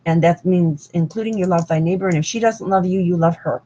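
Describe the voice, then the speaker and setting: Low-voiced woman chanting names, muffled sound. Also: a little fast, warm tone, a little hiss or hum. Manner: lists names in long chants, sing-song repetition. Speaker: host of a spiritual online broadcast. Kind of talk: rambling devotional address. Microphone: online hangout broadcast.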